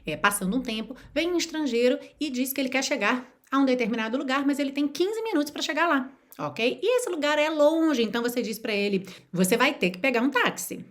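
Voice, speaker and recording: A language teacher from Rio de Janeiro, Brazil, gives an online lesson in a fairly high, very animated voice, addressing the viewer directly and encouragingly. She slows down to model each example phrase, then repeats it.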